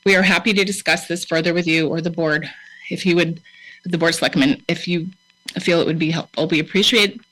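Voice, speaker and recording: A town board official reading a formal letter aloud at a town meeting in a steady, formal way, with a few small stumbles. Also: mid-range voice, a little fast, rough recording. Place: town hall meeting room.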